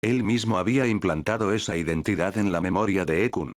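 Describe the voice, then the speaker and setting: A man reading a fan fiction story as scripted audiobook narration, in an even, steady manner. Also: low-pitched, a little fast, dry recording, studio quality.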